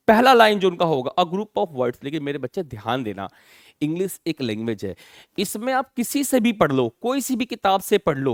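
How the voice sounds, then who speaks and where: A male teacher with an Indian accent lectures his class in a high, lively voice that swings widely in pitch. He keeps checking that his students follow him and slows right down to spell out definitions word by word. The sound is dry and close, with no room echo. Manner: addresses students as children, asks constant check questions; slowly dictates English definitions word by word. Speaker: English teacher.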